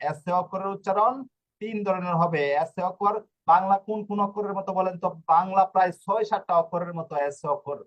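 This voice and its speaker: The audio is poor, and the man's voice is high as he leads a lesson on Italian letters for Bengali speakers. He drills each letter over and over and frequently asks "ঠিক আছে?" to check that everyone follows.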